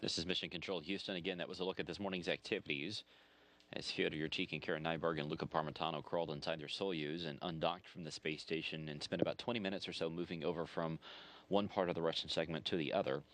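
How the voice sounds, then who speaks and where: A man's voice: sits low, fairly even intonation, fast talker, fairly bright tone. A man explaining events in conversational broadcast narration as a mission control commentator.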